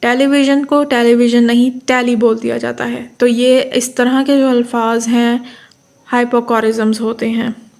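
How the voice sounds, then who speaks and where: Pakistani woman teacher, fairly high but even-toned, patient explainer. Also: creaky. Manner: repeats terms and checks with "theek hai?"; reads English definitions slowly. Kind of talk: explanatory lecture.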